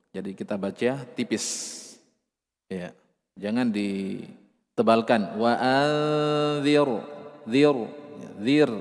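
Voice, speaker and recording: Indonesian guy teaching quran recitation, super slow, chants words out long, lots of echo. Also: fairly low pitch, darkish tone. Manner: patient, repeats drawn-out chanted words for students. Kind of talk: tajwid lesson with chanted examples.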